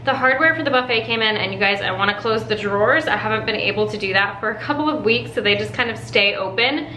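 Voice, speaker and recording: A woman's voice: medium pitch, fast talker, pushed and bright, slight background noise, rough recording. A woman chatting casually to camera as a home makeover vlogger, explaining her DIY steps in an informal way.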